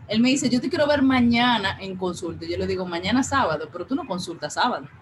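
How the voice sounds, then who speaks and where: A woman with a mid-range voice talks fast, with background noise, as an interview guest telling her personal story. She's animated and acts out the quoted dialogue as she goes.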